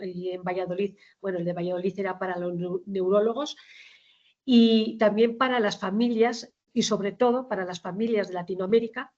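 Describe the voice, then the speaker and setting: A woman's voice: mid-range voice, a little mellow. Woman hosting, slightly muffled audio. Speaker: host introducing the speakers. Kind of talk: informal webinar introduction. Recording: slightly dull online call audio.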